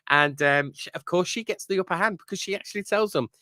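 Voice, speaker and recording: A man's voice: sits high, fast, bright, forceful tone, no echo, studio quality. A man co-hosting a podcast, casually recapping an episode with lots of fillers and "you know what I mean" tag questions. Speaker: podcast co-host. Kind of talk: casual episode review chat.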